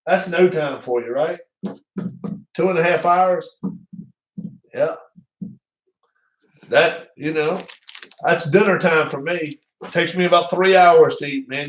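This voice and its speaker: A man's voice: a little high, a little slow, long pauses. A man hosting his own channel, chatting casually on a live stream in a rambling, teasing, jokey manner. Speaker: channel host. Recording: roomy echo.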